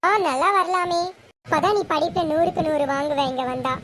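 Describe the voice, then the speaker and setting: A woman's voice: high voice, moderate pace, a bit bright, slight background noise. A young woman doing a firm, scolding mother. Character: scolding but caring middle-aged mother. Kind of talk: amateur family drama acting.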